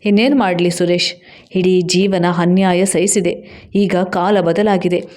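A woman voicing a quiet but firm older mother-in-law who speaks steadily in a storybook reading. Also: fairly low pitch, steady tone, measured pace, natural voice.

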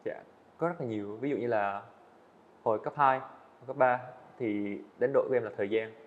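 On a studio set indoors, a young adult student animator talks quickly through interview answers in a casual, earnest way, frequently backing up to restart what he's saying. His voice sits in the middle range, and the audio sounds like a phone line with a little hiss or hum.

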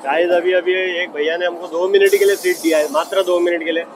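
Young male travel vlogger, high-ish excitable voice, handheld phone commentary with a heavy crowd behind. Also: brisk. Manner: excited, loud, chatty, addresses viewers as guys. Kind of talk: casual running commentary. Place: crowded general coach of a train and station platforms. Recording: crowded train noise behind. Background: chatter of a packed crowd.

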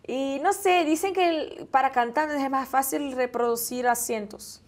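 A woman's voice: sits high, a little slow. A young woman from Brazil, a native Portuguese speaker with a Brazilian Portuguese accent, answering interview questions casually and sometimes searching for the right word. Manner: searches for words, asks for help with them. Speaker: singer, interview guest.

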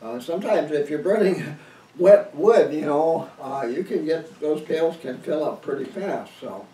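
A man's voice: fairly high pitch, animated, unhurried, warm tone, recorded from a distance. An older man giving casual camping tips in a rambling, folksy way, recorded on a camera mic. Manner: rambling and folksy, with many restarts. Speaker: hunting and camping instructor. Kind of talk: casual how-to talk. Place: indoors by a stone fireplace, then outdoors on a grassy field. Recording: roomy, from off the mic.

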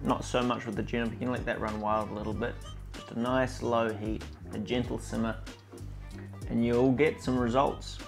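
Gravelly guy doing a chill cooking vlog, tasting stuff, faint music behind. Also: mid-range voice, moderate pace. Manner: relaxed, enthusiastic, with frequent fillers. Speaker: cooking channel host.

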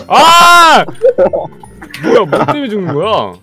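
A man hosting a gaming stream, commenting loudly and excitedly and yelling at his friends as they play. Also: on the high side. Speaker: streamer host.

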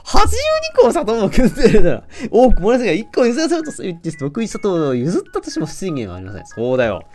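Animated Kansai-accented game streamer. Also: male voice, sits high, fast, music in the background. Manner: playful, animated, jokes with the game and often laughs. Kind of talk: let's-play commentary reading character lines.

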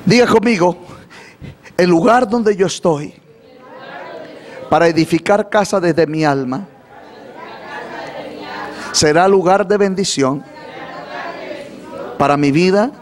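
A man's voice: high-pitched, takes it slowly, pauses often, some chatter behind. A man preaching a sermon in Spanish, often asking the congregation to repeat after him and answer his questions. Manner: asks the congregation for call-and-response, repeats questions. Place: church or studio, livestreamed.

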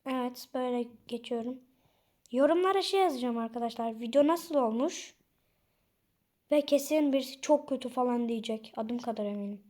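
A young woman with a high, mellow voice giving casual game commentary. She chats to her viewers as she plays, bursting out in frustration and excitement along the way. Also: normal speed. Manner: chatty, excitable, outbursts of frustration. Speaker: gaming channel host.

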